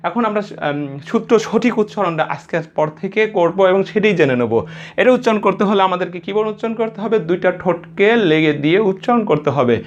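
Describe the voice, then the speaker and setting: A man's voice: high-pitched, fast, highs cut off, a little hiss or hum. A man with a Bangladeshi Bengali accent giving a spoken English pronunciation lesson, patiently repeating each letter sound three or four times.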